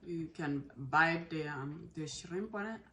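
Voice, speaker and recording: A woman's voice: sits low, takes it slowly, very noisy. A woman chatting casually as she eats, chewing while talking and humming as she savours the food. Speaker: food vlogger. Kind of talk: casual mukbang chat while eating.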